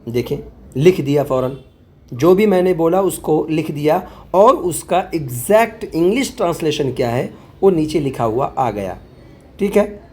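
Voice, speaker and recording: Mellow-voiced man tutoring step by step. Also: a little high, animated, a little slow, husky. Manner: patient, repeats words while explaining. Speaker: online tutor.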